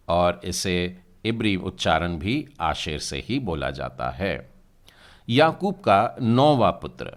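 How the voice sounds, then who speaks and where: A male Hebrew teacher, his voice on the low side with a fairly bright tone, works through letters and sounds one by one. He addresses the class directly and invites his students to read with him.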